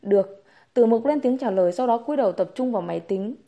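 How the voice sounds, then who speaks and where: Female audiobook narrator, steady storyteller, fairly high, mellow voice. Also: fast, highs cut off. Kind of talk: novel narration.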